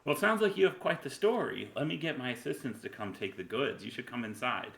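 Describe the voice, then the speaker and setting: A man's voice: mid-range voice, expressive, fast, vocal fry, a bit bright, pitched above the performer's own voice. A man voicing a hearty, inviting tavern boss who is eager for stories in a tabletop game. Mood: welcoming.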